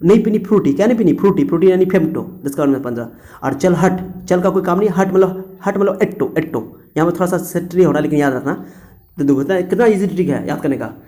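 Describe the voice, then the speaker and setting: A man's voice: high voice, quick pace, warm tone. A young man teaching students a memory trick in a chatty way, acting out little voices in his story.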